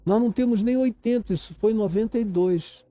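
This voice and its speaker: A Brazilian man preaching a sermon with an accent from Brazil, swinging from loud urgent pleas to low grave tones. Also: fairly quick, dry recording, lo-fi sound, soft background music. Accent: Brazilian Portuguese.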